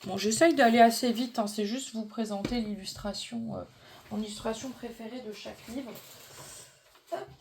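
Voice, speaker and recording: A woman's voice: a little high, steady tone, moderate pace, creaky, noisy background. A woman vlogging casually about her favorite coloring book pages, chatty and hesitant with frequent fillers and restarts. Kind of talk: casual chat showing coloring books.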